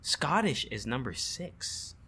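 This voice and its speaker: A man's voice: mid-range voice, big pitch swings, slow, pushed and bright, husky. A man co-hosting a casual podcast, chatting and reading through a ranked list with frequent laughs. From Philippines. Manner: chatty, breaks into laughter, reads a list aloud. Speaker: podcast co-host. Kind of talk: casual chat.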